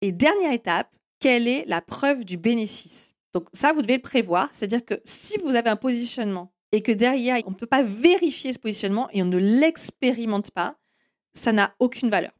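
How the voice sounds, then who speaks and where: A woman's voice: a little high, lively intonation, fairly quick. A woman hosting a marketing podcast, explaining steps in a didactic way with self-deprecating asides. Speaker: marketing agency host.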